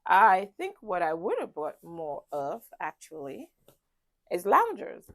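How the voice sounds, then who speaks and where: Her voice is lowish and stuffy, swinging wildly in pitch as she speaks slowly against a noisy background. A travel vlogger in a ship cabin, she chats casually to camera about packing, rambling with plenty of ums and restarts.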